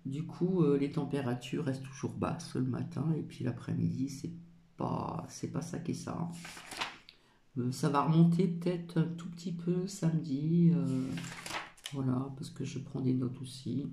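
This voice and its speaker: Halting man with a gravelly, dark voice. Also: mid-range voice, slight background noise. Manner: hesitant, many filler sounds, mumbles his words. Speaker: channel host. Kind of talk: casual chat to viewers.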